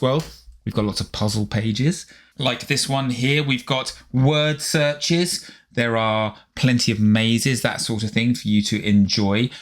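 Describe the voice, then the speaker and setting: Chatty, lower-voiced man teaching kids to draw. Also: fairly bright tone. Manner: chatty, encouraging, addresses kids as guys. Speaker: children's drawing tutor and author. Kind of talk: friendly drawing lesson for children.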